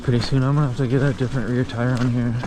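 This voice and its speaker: A man talks off the cuff as he rides an e-bike, huffing with heavy breathing. His voice sits at an average pitch, and his remarks come in sparse, halting bursts. A loud buzzing and outdoor noise runs behind him. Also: little pitch movement. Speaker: e-bike rider filming a test ride. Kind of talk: casual off-the-cuff riding commentary. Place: outdoors, riding an electric bike.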